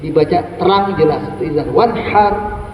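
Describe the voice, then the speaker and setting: High-voiced man teaching Quran recitation in an echoey hall. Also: a little hiss or hum. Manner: explains patiently, chants verses slowly to demonstrate. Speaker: religious teacher. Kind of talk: morning study lecture on Quran recitation. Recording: echoey hall, distant lo-fi mic.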